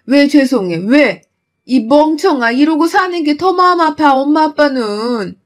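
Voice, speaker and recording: A woman's voice: on the high side, unhurried, lightly acted. A woman playing a fierce protective mother. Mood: angry. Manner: loud, scolding, protective.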